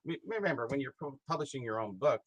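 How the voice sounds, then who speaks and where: A middle-aged hobby historian and price guide author chats casually as a guest, rambling with lots of fillers and restarts. He talks quickly and animatedly at a medium pitch. Crowd noise is audible and the highs are cut off.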